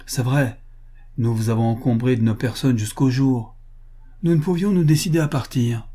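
A man reading the part of a sharp-tongued old gossip with a mocking, arch manner. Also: mid-range voice, normal speed, close to an everyday voice.

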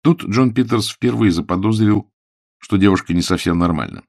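Male storybook narrator, low-pitched, animated, recorded close and dry. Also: moderate pace, dry recording. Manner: expressive, animated reading. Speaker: audiobook narrator. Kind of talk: scripted narration.

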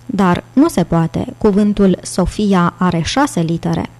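A woman reading the hushed, careful lines of a young woman cryptologist in an audiobook. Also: on the low side, animated, natural voice. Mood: doubtful.

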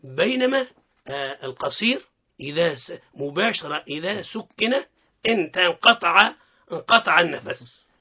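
Husky Tunisian teacher on dull radio. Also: male voice, fairly high pitch, lively intonation, sharp tone. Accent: Tunisian Arabic. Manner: explains step by step and models sounds slowly for listeners to repeat. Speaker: Quran recitation teacher. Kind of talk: radio lesson on recitation.

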